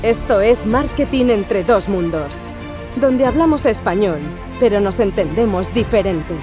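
An announcer reads a scripted podcast opening in a smooth, even, announcer-like way. Clear music plays underneath the voice. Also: mid-range voice, a little slow. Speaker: show announcer. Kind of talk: scripted intro narration.

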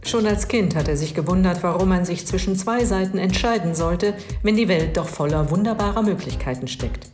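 A woman reading a scripted guest introduction in a smooth, deliberate way. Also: on the low side, expressive, a little mellow. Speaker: announcer. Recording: echoey, faint music behind.

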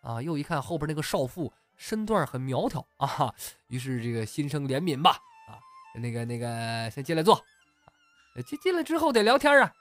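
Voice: mid-range voice, big pitch swings, moderate pace, faint music behind. A storyteller telling a comic tale casually, chuckling along and using many fillers. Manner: chatty, laughs at own story, many fillers. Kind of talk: comic oral storytelling podcast.

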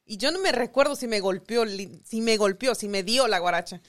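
A woman's voice: mid-range voice, animated, a little fast. A woman from Mexico on a family podcast, telling a childhood memory in a rambling, self-correcting way. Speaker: podcast co-host. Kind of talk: casual family chat.

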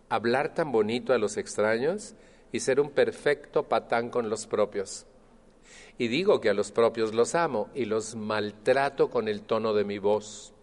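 A man speaking to a support group, animated and acting out others' voices. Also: medium pitch. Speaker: Al-Anon speaker. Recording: long hall reverb.

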